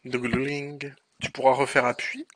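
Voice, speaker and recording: A man's voice: mid-range voice, level tone, measured pace, over loud music. A man playing an online game and chatting casually with teammates, often exclaiming and swearing. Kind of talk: casual chat during team gaming. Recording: noisy voice chat with clicks.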